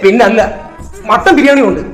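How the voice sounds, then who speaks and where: An actor as a high-pitched, jovial young Malayali man. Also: animated, fast. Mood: cheerful. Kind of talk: comedy sketch acting, casual banter. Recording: roomy echo, loud music behind.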